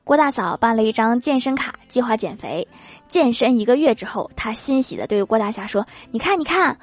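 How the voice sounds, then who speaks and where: A woman's voice: fairly high pitch, a little fast. A woman hosting a comedy podcast, reading funny anecdotes and laughing at her own punchlines. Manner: lively, laughing asides after punchlines. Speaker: podcast host reading jokes. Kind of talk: comic storytelling with acted quotes. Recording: faint background music.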